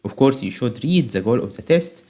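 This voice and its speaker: In a screen-recorded tutorial, a man whose first language is Arabic tutors on software testing, walking through a quiz step by step and often checking in with "okay?". He speaks at a moderate pace in a medium-pitched, expressive voice.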